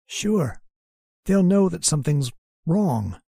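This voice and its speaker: A male actor as a brave explorer trapped in a horror radio drama. His voice is mellow and gravelly, recorded dry and close. He talks quietly and reassuringly, with hesitation showing under strain. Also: fairly high pitch, sing-song, slow, no room sound, heavily acted. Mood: calm reassurance.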